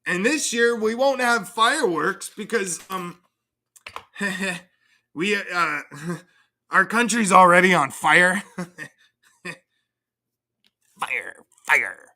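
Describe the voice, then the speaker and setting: A Canadian man hosts a livestream, launching into a casual rant full of crude, profane mockery. His voice sits high and sounds sharp, and he speaks slowly with frequent pauses.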